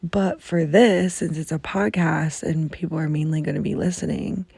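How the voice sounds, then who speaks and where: Young woman podcasting under a blanket in her room, low-ish gravelly voice, exasperated rants w swearing. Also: steady tone, moderate pace, dark tone, dry recording. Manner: chatty, exasperated ranting with swearing. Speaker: podcast host. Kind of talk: casual chat. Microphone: muffled under a blanket.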